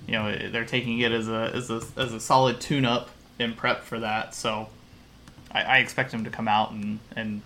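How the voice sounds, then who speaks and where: A man's voice: lowish voice, level tone, moderate pace, bright, forceful tone, slight background noise. A man co-hosting a casual sports betting podcast, talking in a rambling, analytical way with frequent restarts. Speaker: podcast co-host.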